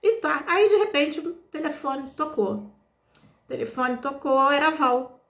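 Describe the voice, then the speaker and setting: A woman's voice: high-pitched, a little slow. Chatty woman therapist. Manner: chatty, lively, often adds tag questions. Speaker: energy therapist. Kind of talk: personal storytelling talk. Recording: roomy echoey room.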